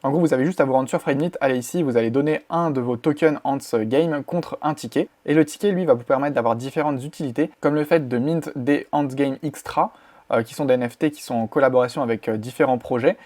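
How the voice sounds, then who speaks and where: A man's voice: medium pitch, fast talker, a little mellow. A man presenting a casual news vlog in a chatty way, with plenty of fillers and restarts. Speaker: crypto YouTuber.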